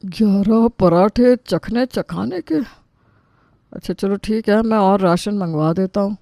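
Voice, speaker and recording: Woman doing a nervous, placating cartoon wedding host with a gravelly edge. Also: medium pitch, a little slow, warm tone, no room sound, clean studio sound, lightly acted. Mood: harried. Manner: harried, placating, stammering. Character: flustered middle-aged male host of the wedding. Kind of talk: cartoon voice acting.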